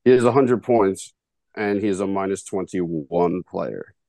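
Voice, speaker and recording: A man's voice: low voice, measured pace, warm tone, no room sound. A man co-hosting a podcast in casual chat, laid-back, filling his talk with "like" and "dude". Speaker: podcast co-host.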